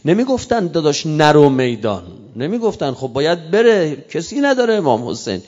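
A man preaching a sermon to a gathering, telling stories with passion and rising to loud cries at their peaks. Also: a little high, big pitch swings. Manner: impassioned storytelling, rising to cries. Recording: muffled echoey hall.

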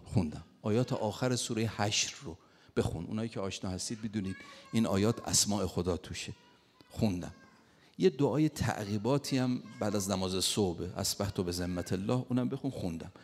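A man with a low, gravelly voice delivers a sermon as a story, now and then breaking into loud bursts as he acts out what others said. His voice rings out with the long reverb of a large hall. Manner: retells a story, acting out quoted lines with sudden loud bursts. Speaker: preacher.

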